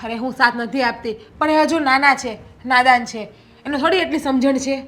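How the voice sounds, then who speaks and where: A reasoning, defending wife. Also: female voice, high voice, moderate pace. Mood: pleading. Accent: Gujarati. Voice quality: pleading, reasoning, sharp comebacks. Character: patient wife defending her young brother-in-law. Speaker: sister-in-law and wife in the family. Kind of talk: scripted family drama acting.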